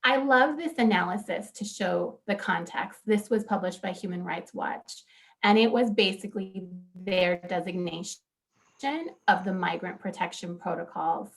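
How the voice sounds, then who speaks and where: A woman in her thirties presenting as a law professor on a conference panel, earnest and animated, with frequent fillers. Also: lowish voice, moderate pace, gravelly.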